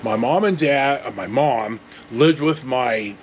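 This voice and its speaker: A man in his 60s with a Californian accent hosts and tells a loose, wandering story full of digressions and mild swearing. His medium-pitched voice is slow, on lo-fi audio with slight background noise.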